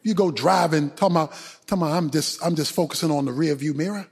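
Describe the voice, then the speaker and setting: A male pastor preaching a sermon, dropping low and quiet and then rising to a shout. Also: fast talker, husky. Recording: sermon in a reverberant hall.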